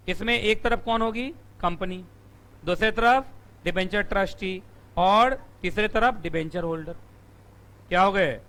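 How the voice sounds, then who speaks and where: A man with a bright, high-pitched voice is teaching company law in a live classroom, picked up by a room microphone. Firing off quick questions and supplying the answers on his own, he sounds hoarse and strained from yelling.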